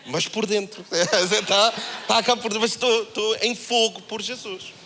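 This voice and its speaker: A man with a European Portuguese accent preaching a sermon, in a conversational, animated way that acts out the voices he quotes. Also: high voice, normal speed, slight background noise. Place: church held in a cinema.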